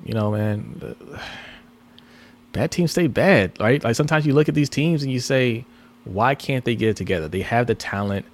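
Low-voiced guy on a sports podcast, laid back, kinda rambly, repeats himself a lot. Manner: relaxed, rambling, repeats words. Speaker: podcast co-host. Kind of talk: casual sports podcast chat.

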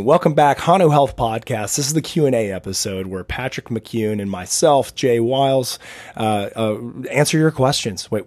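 A man with a hoarse smoker's rasp, talking casually and a little ramblingly as a podcast host. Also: medium pitch, darkish tone. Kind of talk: casual conversational podcast talk.

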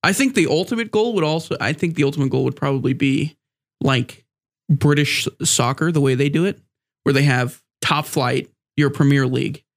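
A man with a somewhat high voice and a stuffed-up nose hosts a casual sports podcast. He sounds a bit under the weather with a sore throat and talks in a loose, rambling, conversational flow. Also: normal speed. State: mildly sick with a sore throat. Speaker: podcast host.

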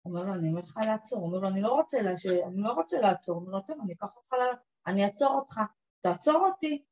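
A woman's voice: a little hiss or hum, rough recording. A woman, telling an emotional personal story to a group and acting out the people in it. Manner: emotional, acts out quoted voices, lively swings of pitch and loudness.

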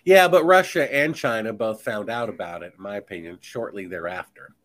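A man's voice: lowish voice, brisk, fairly bright tone. A man speaking as a guest author in a podcast conversation, talking in an emphatic, insistent, preachy way.

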